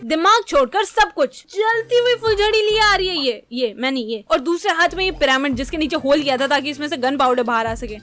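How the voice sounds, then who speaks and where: A young woman telling comic stories about her childhood with sarcastic, self-mocking timing. Her voice sits very high and stays expressive throughout. Light music runs beneath the narration. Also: a little fast, hardly any pauses. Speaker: animated storyteller. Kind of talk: comedic storytelling narration.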